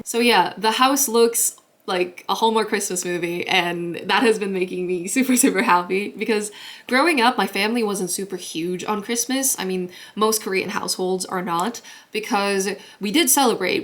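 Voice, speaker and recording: A young woman from Guatemala talks casually to her camera in a bubbly, chatty way. She laughs often between her words. Her voice sits at an ordinary middle pitch. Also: fairly bright tone. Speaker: vlogger.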